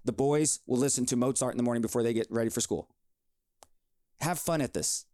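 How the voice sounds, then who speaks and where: A man's voice: mid-range voice, brisk, dark tone, no room sound, clean studio sound. A man in his forties hosting a solo health podcast, talking in an upbeat, emphatic, motivational way. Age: 40s. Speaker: podcast host.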